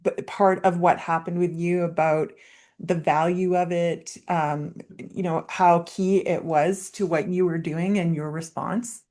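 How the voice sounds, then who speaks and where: A woman's voice: lowish voice, steady tone, measured pace, darkish tone. A woman moderating a webinar panel, relaying audience questions and affirming the speaker over a video call.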